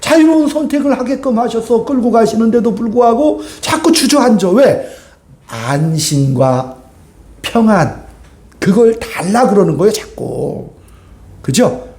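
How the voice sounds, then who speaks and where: Speaking at a measured pace, this male pastor sounds animated, his high-pitched yet soft and mellow tone echoing around the church sanctuary. The sermon has a chatty feel, with frequent cues for the listeners to agree.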